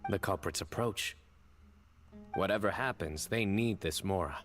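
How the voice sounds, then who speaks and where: A man voicing a stern, composed lawman in a video game, speaking in a deliberate, accusatory, deadpan way. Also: sits low, soft background music. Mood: measured, serious. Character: stern, composed male lawman interrogating a culprit.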